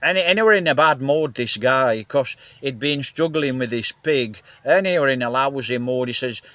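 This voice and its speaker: A man's voice: mid-range voice, moderate pace, fairly bright tone. A man with a Northern English accent chatting casually into a phone, rambling and repeating himself with lots of fillers. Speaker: vlogger. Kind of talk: casual rambling vlog chat. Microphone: phone held in hand, then on a gimbal.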